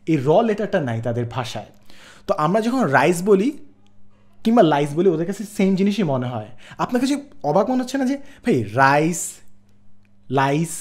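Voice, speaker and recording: A man's voice: on the high side, a little mellow. A man talks casually to viewers, mixing English words into his Bangla and repeating words aloud to show how they sound. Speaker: vlogger. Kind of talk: casual explainer vlog.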